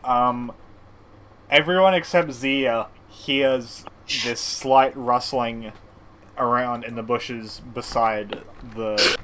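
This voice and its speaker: A man narrating as game master of a tabletop role-playing game, unhurried and laughing often. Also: medium pitch, fairly even intonation, sharp tone, a little hiss or hum, low-quality recording.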